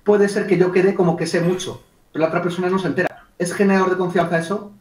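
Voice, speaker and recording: Male trainer, high voice, lively and demonstrative, recorded from afar. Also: quick pace, slight background noise. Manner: lively, acts out client dialogues, addresses chat participants by name. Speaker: communication trainer. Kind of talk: online workshop talk. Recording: echoey room, distant mic.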